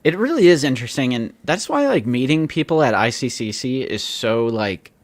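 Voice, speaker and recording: A man's voice: medium pitch, normal speed, no room sound. A man in his twenties co-hosting a casual collectibles podcast, chatty and loose. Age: 20s. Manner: relaxed, chatty, lots of "like". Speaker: podcast co-host. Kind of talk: casual chat.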